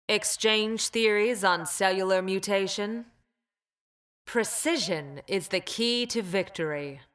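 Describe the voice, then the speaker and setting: In video game voice lines, a cold, cat-like female bioweapon speaks slowly with measured, exact diction at a medium, slightly bright pitch. Her manner is formal, clinical and superior, detached from everyone around her.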